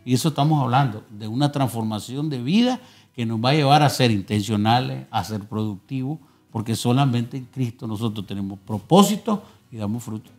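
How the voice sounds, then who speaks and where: A man's voice: medium pitch, lively intonation, brisk. A man with a Nicaraguan Spanish accent, a pastor on a TV panel, exhorting with urgency and emphasis. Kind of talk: TV panel preaching. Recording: soft music behind.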